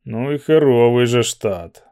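A foul-mouthed, cocky young bruiser, read by a male narrator. He talks in a coarse, belligerent way, his voice low-toned and mellow. He stays close to the reader's own voice. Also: a little slow, natural voice. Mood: angry. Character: brawny arrogant young man, quick to anger.

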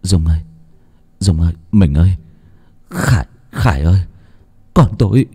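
A man's voice: low voice, very animated, normal speed, warm tone, slightly rough, heavily acted. A man playing a sobbing grieving husband. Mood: distraught. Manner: sobbing, repeating cries. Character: grieving truck-driver husband, anguished.

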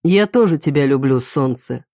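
A woman voicing an obsessive young male kidnapper who talks low, taunting and falsely tender. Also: expressive, moderate pace, warm tone, no echo, studio quality, exaggerated voice. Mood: mocking.

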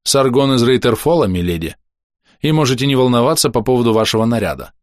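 A man voicing a cocky young swordsman who speaks with dry irony and gallant flattery in an audiobook. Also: medium pitch, fast, no echo, close to an everyday voice. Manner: ironic, gallant. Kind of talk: audiobook character voice.

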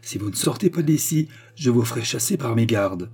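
A man's voice: medium pitch, fairly quick, mellow, breathy edge, lightly acted. A man reading an audiobook, voicing a proud, imperious young queen who speaks with haughty command. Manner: haughty, cold then commanding.

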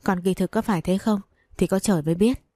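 A woman's voice: mid-range voice, quick pace, warm tone, dry recording, clean studio sound. A woman reading a family drama story aloud as a storyteller, taking the dialogue in her own voice. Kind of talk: scripted story narration.

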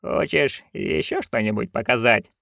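A man voicing a stern old witch in an audiobook, talking in a quiet, clipped, dry way. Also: fairly low pitch, lively intonation, a little slow, gravelly, no echo, full character voice. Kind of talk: audiobook character voice.

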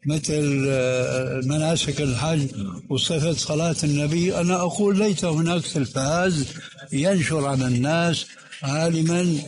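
A man as a religious scholar in a recorded discussion, answering a questioner point by point in a measured, corrective way. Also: on the high side, steady tone. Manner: measured, corrective, asks to take points one at a time. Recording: hissy old cassette tape recording.

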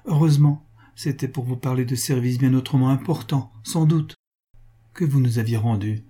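A man reading aloud, voicing a warm, affectionate young wife with a gushing, lively manner. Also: mid-range voice, normal speed, husky, lightly acted. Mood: eager.

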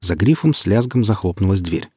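A man reading an audiobook in an even, descriptive style. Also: deep voice, fairly quick, husky, no room sound, studio quality. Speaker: audiobook reader. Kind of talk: scripted narration.

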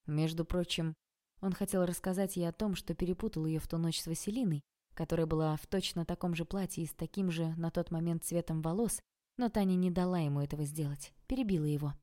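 Woman reading an audiobook, calm and even, dark mellow voice. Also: on the low side, fast. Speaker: audiobook narrator. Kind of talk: audiobook narration.

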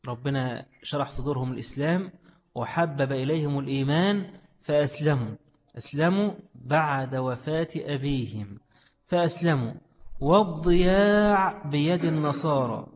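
With a mid-range voice and moderate pace, this man pauses often while teaching a religious studies lesson. Speaking with an Egyptian Arabic accent, he explains a text and answers the questions he raises. The audio is lo-fi and muffled, recorded in an echoey hall.

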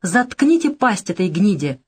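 A woman voicing a calm, menacing male gangster boss who speaks softly and composedly. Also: mid-range voice, measured pace, husky. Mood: cold. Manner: soft and composed.

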